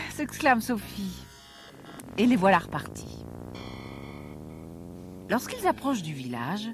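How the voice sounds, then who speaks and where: Lively woman reading a children's story. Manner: lively, voices the characters with big pitch jumps. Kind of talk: children's story read aloud. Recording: story read over loud background music.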